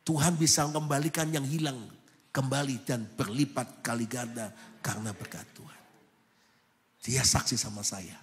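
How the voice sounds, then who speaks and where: A man preaching a sermon, telling a story with drama, from hushed low lines up to loud shouts, in a large church hall. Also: steady tone, moderate pace. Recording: music under a long hall reverb.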